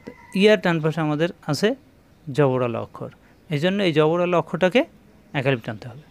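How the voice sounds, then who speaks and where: A man teaching Quran reading, sounding out syllables slowly and repeating them, speaking directly to his viewers. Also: on the high side, animated. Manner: slow, drawn-out demonstration of letter sounds, repeating syllables; addresses viewers directly with instructions. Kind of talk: spoken Quran reading lesson.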